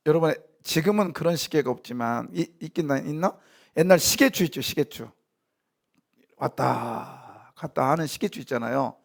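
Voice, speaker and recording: Lively questioning male pastor, higher voice. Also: moderate pace, gravelly. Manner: lively, asks the congregation questions and answers them; acts out short quoted lines in sharp voices. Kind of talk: sermon. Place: church sanctuary.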